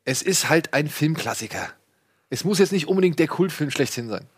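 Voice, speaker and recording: A man's voice: on the high side, expressive, a little fast, breathy edge. A man co-hosting a casual film debate, arguing for a compromise. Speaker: podcast host.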